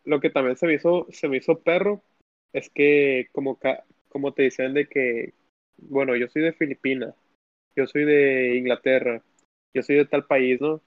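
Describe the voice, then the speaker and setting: A man's voice: medium pitch, fairly even intonation, moderate pace, no echo. A young man, co-hosting a casual podcast, rambling through long recaps with frequent restarts. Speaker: podcast co-host. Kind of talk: casual chat. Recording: dry, dull lo-fi sound.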